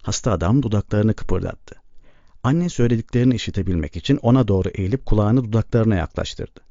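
A man narrating an audiobook in a measured, even storytelling manner. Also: on the low side, dry recording. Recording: dull lo-fi recording.

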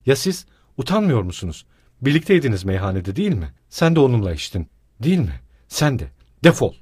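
A man voicing a frantic, consumptive woman of about thirty who shouts accusations in despair, in an audiobook reading. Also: mid-range voice, big pitch swings, fairly quick, husky, no room sound, clean studio sound. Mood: desperate, shouting.

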